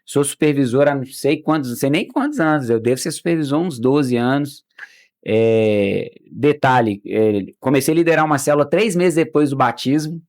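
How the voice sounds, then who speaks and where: A man's voice: mid-range voice, normal speed. Brazilian man telling his testimony. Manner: animated storyteller who acts out quoted dialogue; frequent restarts and filler words. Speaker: podcast guest. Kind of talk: personal faith testimony in casual chat.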